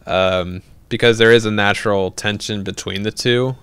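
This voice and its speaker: A young man hosts a livestream, casually chatting while answering viewer questions, rambling with many fillers and restarts and laughing easily. His voice is fairly low and fairly even in intonation, at normal speed, with a somewhat bright, clear, resonant tone in a dry recording.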